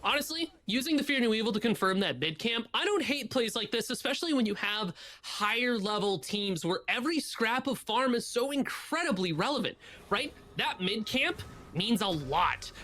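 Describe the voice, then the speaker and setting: Lively, bright-voiced esports analyst. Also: medium pitch, normal speed, slight background noise. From central United States. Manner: animated, analytical. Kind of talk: color commentary.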